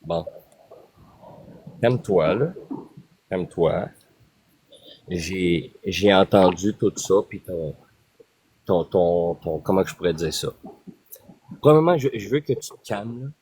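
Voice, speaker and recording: Low husky man speaking calmly. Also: dry recording. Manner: calm, soothing, halting with many restarts. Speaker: caller trying to calm the host.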